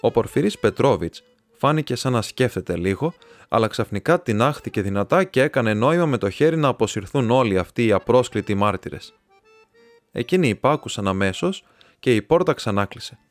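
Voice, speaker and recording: A Greek man narrating a classic novel as an audiobook reader, steady and even. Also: medium pitch, no echo, soft background music. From Greece. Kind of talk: scripted narration.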